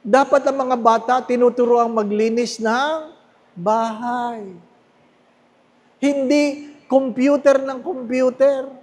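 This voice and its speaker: A Filipino man preaches a homily with a high voice and a slow, emphatic pace, often turning to the congregation with little questions. He repeats his key phrases for weight. His voice carries with the long echo of a big church. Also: steady tone, a little mellow. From Philippines. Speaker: priest. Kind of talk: sermon. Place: large church with long reverb. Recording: echoey church hall.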